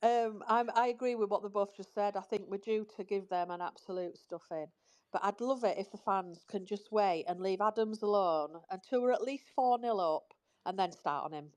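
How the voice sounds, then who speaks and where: A woman's voice: medium pitch, moderate pace, darkish tone. Giggly woman chatting football. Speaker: podcast regular. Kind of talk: casual football chat.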